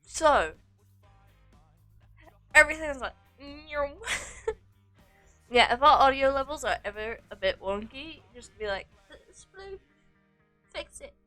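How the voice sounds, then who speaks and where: A girlish woman livestreamer chatting casually with her viewers in a playful, bubbly, excitable way, like a gamer girl on a headset. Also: sits high, measured pace, pauses often, soft background music. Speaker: livestreamer greeting and answering chat. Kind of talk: casual gaming livestream chat.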